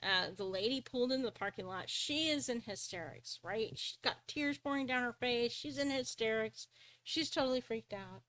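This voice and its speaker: A woman's voice: on the high side, normal speed, a bit bright. Earnest woman telling a personal story. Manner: earnest, chuckling through her story, restarts. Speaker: live stream host.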